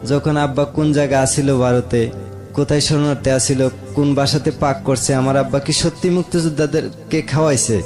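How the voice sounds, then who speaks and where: With music behind him in the radio studio, this interview guest, a man in his late thirties from rural Moulvibazar with a Sylheti-region Bangladeshi accent, shares his own story plainly and with respect. His voice is mid-range, his intonation fairly even, and his pace fairly quick.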